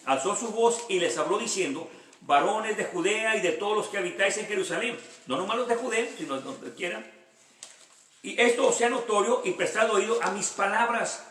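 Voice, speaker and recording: A man's voice: high-pitched, fairly bright tone. A male pastor leading a Bible study, reading verses aloud and explaining them in a conversational way with rhetorical questions. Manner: reads verses aloud, then explains them with personal anecdotes. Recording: echoey room, voice from far off the mic.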